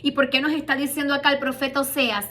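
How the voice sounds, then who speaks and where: A woman's voice: high voice, little pitch movement, fast talker, sharp tone. A woman preaching a sermon, asking rhetorical questions and reading scripture with emphasis.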